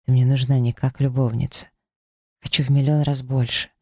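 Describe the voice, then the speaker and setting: A man reading a romance audiobook, voicing a confident man in love who speaks softly and reassuringly. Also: mid-range voice, little pitch movement, moderate pace, breathy edge, no room sound, studio quality. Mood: tender. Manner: soft, warm-hearted and reassuring.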